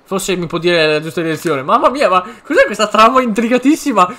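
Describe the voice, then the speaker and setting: Animated gamer, bright high voice. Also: male voice, fairly quick. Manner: animated, exclaiming and joking. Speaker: gaming video creator. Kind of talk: let's play commentary.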